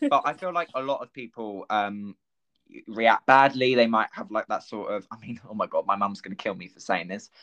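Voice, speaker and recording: A young man hosts a podcast in casual chat, telling stories in a chatty, animated way with lots of fillers. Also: lowish voice, normal speed, dull audio. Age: young adult. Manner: chatty, animated storytelling with frequent fillers and laughs. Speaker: podcast host.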